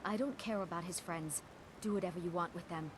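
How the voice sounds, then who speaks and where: Actress as a vengeful fantasy game woman, bitter, low-pitched, intense emphatic phrasing, noisy backdrop. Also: brisk, lightly acted. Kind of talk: dramatic video game voice acting. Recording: game audio with clear background noise.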